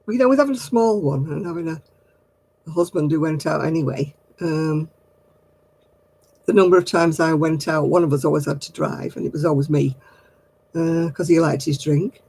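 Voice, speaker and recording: Chatting with live viewers and responding to their comments, this livestream host rambles warmly and laughs a lot. She's an older woman from Royton, Oldham, whose accent blends Oldham and Manchester. Her deep, dark, slightly rough voice moves at normal speed, and the recording has no room sound.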